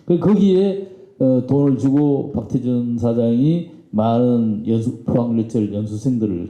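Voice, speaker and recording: A man's voice: medium pitch, warm tone. A man giving a public lecture as a visiting author, telling anecdotes in a folksy way and acting out quoted lines. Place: lecture hall. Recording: roomy hall, dull lo-fi sound.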